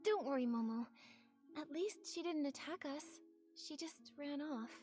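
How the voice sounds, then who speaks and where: A woman's voice: sits high, measured pace, darkish tone. A young woman voicing an earnest, curious game heroine who reasons things through aloud. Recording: game audio with faint music.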